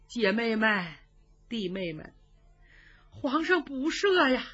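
A woman voicing a grieving old noblewoman who wails and pleads in long, drawn-out cries. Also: high-pitched, sharp tone, husky, heavily acted. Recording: dull lo-fi recording.

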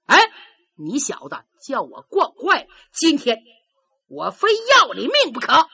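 Woman doing angry old father, loud scolding, high pitch, dull lo-fi. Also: wildly swooping pitch, a little slow, gravelly, slightly rough, exaggerated voice. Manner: shouting scolding. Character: hot-tempered old man, angry father.

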